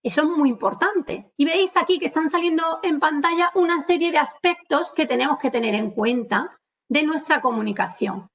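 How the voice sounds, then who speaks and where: A woman with an Andalusian Spanish accent giving an online lecture on communication, explaining and addressing her audience directly. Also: sits high. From Andalusia, Spain. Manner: explanatory, addresses audience directly, slows to stress key words. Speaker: webinar presenter on communication skills. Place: home. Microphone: computer mic on a video call. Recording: distant, dull webinar audio.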